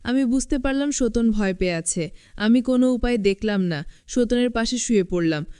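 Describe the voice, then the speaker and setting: Smooth-voiced woman narrating a story. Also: on the high side, normal speed, dry recording, clean studio sound. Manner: even, first-person storytelling.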